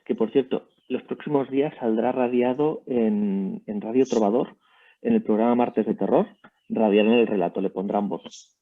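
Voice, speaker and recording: A man's voice: lowish voice, normal speed. Chatty man on a tinny line. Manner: chatty, eager to promote. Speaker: writer and guest. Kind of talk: casual interview chat. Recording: tinny phone-like call audio.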